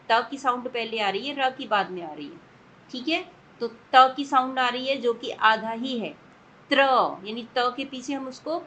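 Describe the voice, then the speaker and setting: A woman teacher explains a lesson at a slow, deliberate pace, breaking each word into parts. She talks patiently, repeating herself and asking if it is clear. A faint hiss of room noise sits under her voice. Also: fairly high pitch, a bit bright, rough recording. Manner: mixes English words into Hindi. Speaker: Sanskrit teacher.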